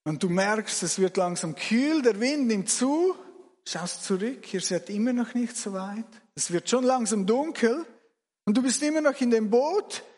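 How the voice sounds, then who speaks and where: A man leads a guided imaginative sermon, speaking slowly and letting his voice rise high and drop low. His voice sits fairly high for a man. A long reverb trails each phrase, as in a large hall. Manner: slow, expressive storytelling, swinging between loud and hushed. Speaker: preacher.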